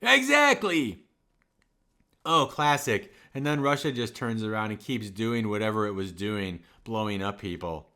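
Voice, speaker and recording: A man's voice: on the low side, expressive, unhurried, bright, forceful tone, clean tone, voice pushed down. A man voicing a folksy know-it-all male sidekick who drawls in loose, ungrammatical phrasing in comedic banter. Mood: smug.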